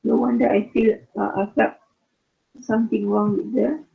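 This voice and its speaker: A woman lecturing on statistics in an online class, losing her voice and speaking haltingly with many fillers. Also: on the high side, level tone, vocal fry, husky. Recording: phone-like narrow sound.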